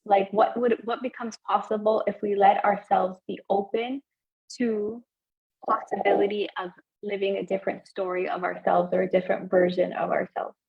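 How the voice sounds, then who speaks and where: A woman's voice: medium pitch, flat delivery, normal speed, gravelly, phone-quality sound. A woman co-hosting a podcast, talking in a thoughtful, meandering way with many fillers and restarts. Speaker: podcast co-host. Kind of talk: reflective casual chat.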